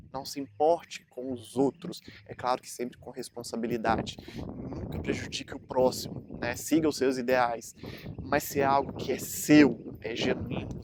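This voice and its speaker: A man's voice: mid-range voice, noisy background. A man, talking casually and earnestly to camera in a rambling motivational vlog full of fillers. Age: 30s. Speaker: vlogger.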